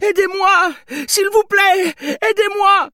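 Guy doing a terrified veiled woman, screams and begs, squeaky high. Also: steady tone, slow pace, pushed and bright, no room sound, studio quality, full character voice. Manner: screaming, pleading in terror. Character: panicked veiled young woman fleeing pursuers.

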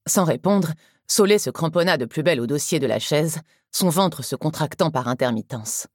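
Woman audiobook narrator, deep voice, measured delivery, dry studio sound. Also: animated, no echo. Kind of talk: scripted narration.

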